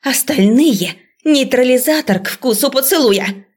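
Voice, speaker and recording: A woman doing a shrill, bossy professor in a fantasy audiobook, pitched high and barking orders. Her voice has a husky, breathy grain. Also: lively intonation, measured pace, darkish tone, exaggerated voice. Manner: shrieking, bossy. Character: shrill, panicking female professor. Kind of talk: audiobook character voice.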